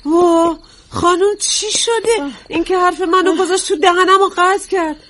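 A fussing housekeeper, very high voice, sobbing and lamenting. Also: female voice, a bit bright. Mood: anxious.

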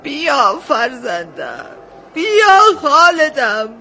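An actress playing a distraught mother reclaiming her lost son in a radio drama, shouting and weeping by turns. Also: high-pitched, very animated, a little hiss or hum, exaggerated voice. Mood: impassioned. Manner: impassioned, swings between shouting and weeping. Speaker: Salima, a woman in a dispute.

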